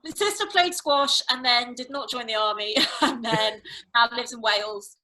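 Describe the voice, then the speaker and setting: A young woman chats as a podcast guest in a high voice. Her tone is bright and forward, and she laughs often and swears with ease. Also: normal speed, poor audio. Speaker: podcast guest, TV and radio presenter. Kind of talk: casual chat.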